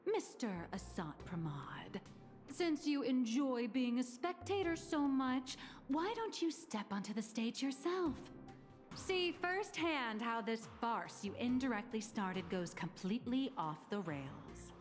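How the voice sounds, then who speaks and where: A woman's voice: a little high, very animated, takes it slowly, faint music behind. An actress playing a shrewd, confident businesswoman in a game, calculating and dry.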